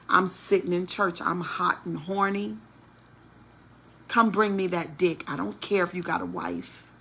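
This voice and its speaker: A woman's voice: lowish voice, creaky, bright, forceful tone, breathy edge, full character voice. A woman mimicking a brazen, crude woman in a taunting, mocking voice.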